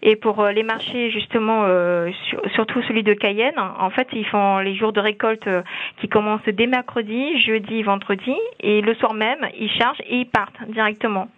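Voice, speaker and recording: A woman's voice: mid-range voice, steady tone, moderate pace, no echo. A woman from French Guiana, a farming family's daughter, speaking on the phone during a radio interview, hesitant with many fillers and restarts. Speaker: guest, farmer's daughter. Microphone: telephone. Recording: tinny dry phone line.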